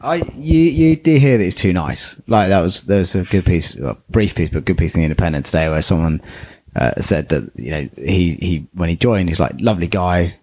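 Deep-voiced man in football chat. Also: expressive, a little fast, darkish tone. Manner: chatty, lots of fillers. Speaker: podcast co-host.

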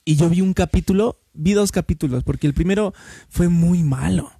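A man's voice: high voice, gravelly, dark tone, breathy edge. A man with a Mexican Spanish accent, chatting casually and profanely about TV series he recommends. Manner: slangy and profane, slow and deliberate when recommending. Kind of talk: casual chat reviewing TV series.

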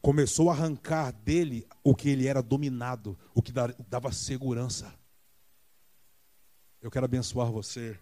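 A Brazilian man preaching a Sunday sermon in a church, retelling a Bible story and acting out the voices of the people in it with big jumps in pitch. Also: fairly even intonation, normal speed, dark tone. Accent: Brazilian Portuguese. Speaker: pastor.

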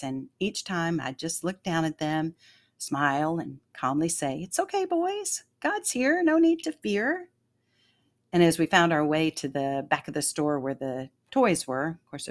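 Low-voiced woman, earnest devotional host. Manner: calm, earnest and measured, slowing on key phrases. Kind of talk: scripted devotional narration and personal story.

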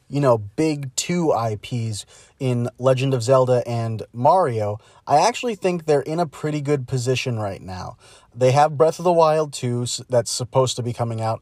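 A man hosts his podcast alone, his voice captured on a phone while he sits in a car. The sound is dry and close with no room echo. His pitch is middling, and he talks thoughtfully, often stopping with an "uh" to find the right word. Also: a little mellow. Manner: thoughtful, searching for words with frequent uh's. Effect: recorded on a phone. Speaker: podcast host. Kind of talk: casual solo commentary. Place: inside a parked car.

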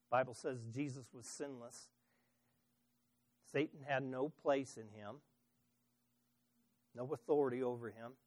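A man preaching a sermon as pastor, swinging from loud emphasis to soft asides and asking the congregation questions. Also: on the high side, no echo.

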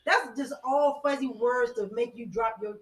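A woman's voice: a little high, normal speed, echoey room, low-quality recording. A woman giving blunt, sardonic opinions in a casual discussion.

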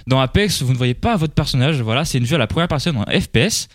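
Quick man explaining a game. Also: medium pitch, lively intonation, no echo, studio quality. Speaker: podcast guest presenting a game. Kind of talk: casual podcast chat.

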